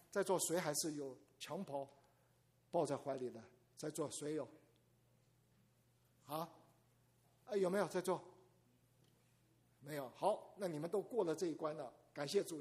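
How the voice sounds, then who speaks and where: An older man preaching a sermon to a congregation, telling stories with animation, asking the listeners questions and acting out little scenes. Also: fairly high pitch. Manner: animated storytelling, asks the audience questions and acts out scenes.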